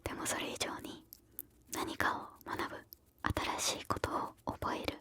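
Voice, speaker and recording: A woman whispering softly and breathily close to the ear, gently answering questions in an encouraging ASMR style. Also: normal speed. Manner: whispers throughout, soft and breathy; encouraging, gentle advice-giving.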